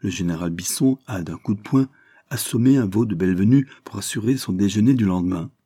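A man voicing a boastful, witty male French army captain who answers with quick, proud retorts, in a husky voice. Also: lowish voice, warm tone, no room sound, clean studio sound, natural voice.

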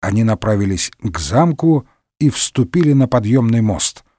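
A man narrating a comic parody story with wry, lively storytelling. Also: medium pitch, moderate pace, no room sound, studio quality.

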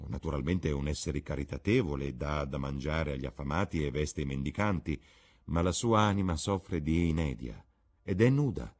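A man voicing a witty, cynical English lord who lectures with irony in a deep, husky voice. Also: lively intonation, moderate pace, darkish tone. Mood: lecturing. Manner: ironic, lecturing. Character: witty aristocratic older gentleman, cynical, languid.

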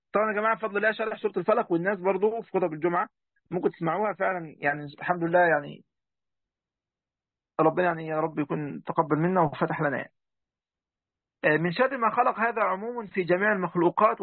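Egyptian male sheikh, high-voiced and quick, chatty online lesson, phone-thin sound. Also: no echo, narrow, tinny audio. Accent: Egyptian Arabic. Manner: chatty, talks straight to his students, breaks off mid-word. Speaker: sheikh teaching a class. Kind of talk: online lesson, reading a text aloud and explaining it.

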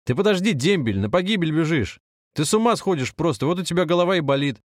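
A man's voice: fairly high pitch, expressive, fast, dry recording, studio quality, voice pushed up, lightly acted. A man voicing an irritated, dismissive stranger who is secretly a sinister tempter. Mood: coaxing. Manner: irritated, scornful, curt.

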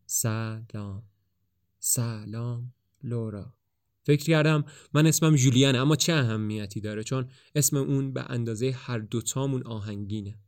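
A man's voice: medium pitch, few pauses, no echo, clean studio sound, lightly acted. A man voicing Julian, an anxious young man who pours out urgent, pleading words to a woman. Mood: passionate. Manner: urgent, pleading, rising to passionate. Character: anxious young man, scared then bold.

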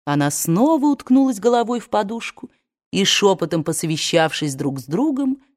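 A woman narrating a novel aloud in a measured, expressive reading. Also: mid-range voice. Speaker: audiobook reader. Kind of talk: scripted narration.

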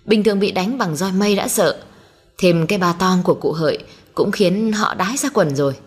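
A woman's voice: fairly low pitch, husky. Brief: woman storyteller, evenly paced dramatic reading. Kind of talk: storybook narration.

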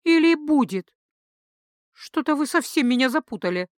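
Mad blind priestess for an audiobook, raised high pitch, erratic, flirty then shrieking, played by the woman reader. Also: lively intonation, normal speed, no room sound, clean studio sound. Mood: agitated. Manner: flighty, swings between coy and shrieking prophecy.

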